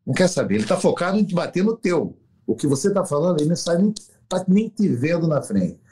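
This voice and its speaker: Fast-talking fight coach. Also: male voice, a little high, big pitch swings, warm tone, breathy edge. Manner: emphatic, blunt, acts out quotes. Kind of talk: casual interview talk.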